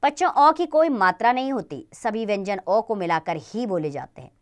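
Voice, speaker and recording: A woman teaching a grammar lesson to children, spelling out sounds slowly and deliberately. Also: mid-range voice, lively intonation.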